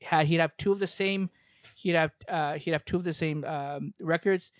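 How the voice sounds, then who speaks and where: Rambling man with a higher voice. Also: steady tone, normal speed, no room sound, clean studio sound. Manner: rambling, many restarts and fillers. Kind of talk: casual chat.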